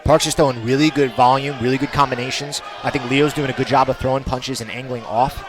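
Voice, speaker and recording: A man's voice: medium pitch, steady tone, fast talker, very noisy. A man giving conversational color commentary and analysis on a live fight. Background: music.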